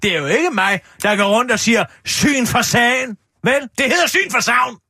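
A high, bright man's voice swings widely as he bickers in mock outrage, playing up every accusation. The studio sound is dry and close. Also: sing-song, slightly rough, no echo. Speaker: radio show co-host. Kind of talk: comic studio banter. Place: radio studio.

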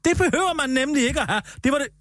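A man's voice: very high voice, lively intonation, fairly bright tone, dry recording, clean studio sound. A man hosting a satirical radio comedy show, talking in a bombastic, lecturing, mock-authoritative way.

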